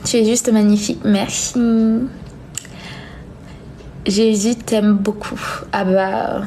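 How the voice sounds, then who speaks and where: A young adult woman hosts a live stream, reading out viewer comments and answering them informally, hesitantly, and often repeating herself. Her mid-range voice is slow and mellow with little pitch movement, and the rough recording has slight background noise.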